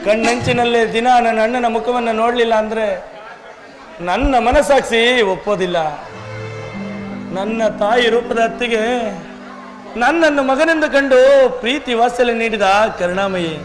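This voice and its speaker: A man playing a high-voiced outcast young man. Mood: lamenting. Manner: slow, theatrical lamenting delivery. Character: grieving young man cast out by his family. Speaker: stage actor. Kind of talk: village stage drama acting. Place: outdoor village stage. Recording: live stage with music playing.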